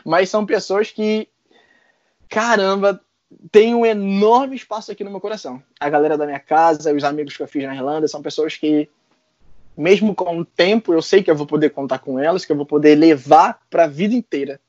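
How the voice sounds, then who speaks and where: Brazilian man, casual storyteller, fairly high voice, dry dull sound. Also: fairly quick, no echo. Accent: Brazilian Portuguese. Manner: animated, laughs often, mixes in colloquial slang. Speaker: interview guest.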